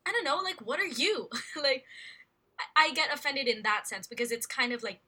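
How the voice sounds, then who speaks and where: Bright, animated teenage girl. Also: sits high. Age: late teens. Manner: animated, quick to react. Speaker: podcast co-host. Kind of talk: casual chat.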